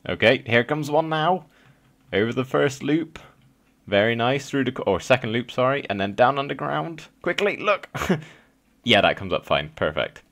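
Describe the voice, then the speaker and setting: Young male gaming host, low voice, slight lisp, chatty and rambling, thinks aloud with ums. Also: fairly bright tone. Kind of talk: casual let's play commentary.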